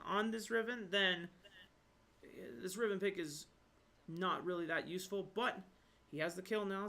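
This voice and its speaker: A man with a fairly high, bright, forceful voice commentates a live esports match over a headset. He breaks down plays analytically, then jumps sharply up in pitch when something surprises him. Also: gravelly. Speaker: esports caster. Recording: brief connection dropouts.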